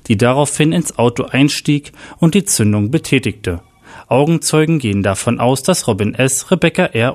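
Guy doing a radio newsreader bit, formal, even delivery, middle pitch. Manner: formal news reading. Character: male radio news announcer.

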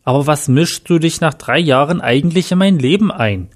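A man's voice: a little high, moderate pace, voice pushed up, natural voice. A man voicing a guilty, defensive father in a read-aloud story. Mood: tense. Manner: defensive, pleading.

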